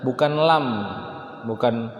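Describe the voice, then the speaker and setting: A man from Indonesia teaching Quran reading, explaining slowly and chanting verses in melodic recitation in a large mosque hall. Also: medium pitch, highs cut off. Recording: echoey mosque hall with reverb.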